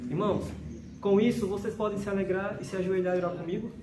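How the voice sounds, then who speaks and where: A man from Brazil preaching a sermon, emphatic, slowly repeating each verse reference. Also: sits high, steady tone. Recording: echoey hall with faint noise.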